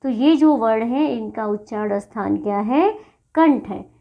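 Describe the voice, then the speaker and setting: A woman teacher explaining a lesson slowly and patiently, repeating each sound so pupils can copy it. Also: fairly high pitch, creaky, dull audio.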